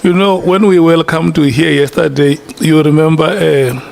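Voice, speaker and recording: A South African man chairing a hearing, halting, good-humoured and conciliatory. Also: fairly high pitch, fairly even intonation, creaky, darkish tone. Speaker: committee chairperson. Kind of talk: informal remarks chairing a hearing. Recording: noisy hearing room ambience.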